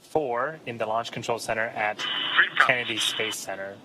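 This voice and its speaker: A man giving live, explanatory launch commentary in an informative, measured way with frequent pauses. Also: medium pitch. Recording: faint background noise.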